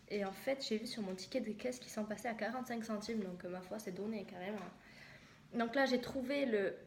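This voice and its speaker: A young woman from southwest France chatting casually in a haul video, hesitant and full of fillers. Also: medium pitch. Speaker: vlogger. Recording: echoey room with noise.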